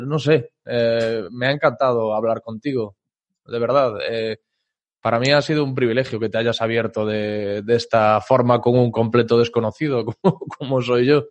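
A man from Spain hosts a podcast with an even, mid-pitched voice. He keeps things friendly and informal and laughs easily. He wraps up casually. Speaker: podcast host. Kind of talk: casual interview chat and outro.

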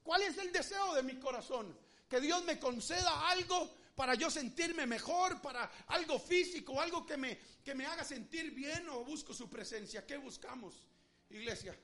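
High-voiced preaching pastor with a Rioplatense accent. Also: male voice, animated, moderate pace, bright, forceful tone. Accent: Rioplatense Spanish. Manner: preaches with sweeping pitch swings, acts out quoted voices. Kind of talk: sermon.

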